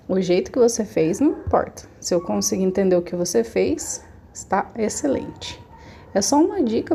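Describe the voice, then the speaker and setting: Gravelly-voiced woman teacher explaining patiently. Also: mid-range voice, dark tone. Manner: patient, explanatory, checks in often with "certo?". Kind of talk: remote class lesson.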